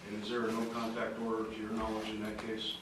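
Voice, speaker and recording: A man cross-examines a witness in a courtroom, pressing and repeating her answers back to her with "uh" pauses between questions. He sounds far from the mic in a heavily echoing room. A clear hiss of noise runs under his voice. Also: fairly low pitch, monotone. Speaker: prosecutor. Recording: echoey courtroom audio from far off, noisy.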